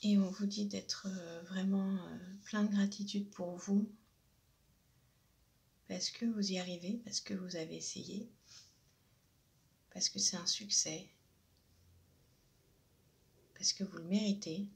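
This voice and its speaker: A woman giving a spiritual oracle card reading. She talks hesitantly with many fillers and often drops into a soft half-whisper. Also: mid-range voice, fairly even intonation, slow pace, vocal fry, long pauses.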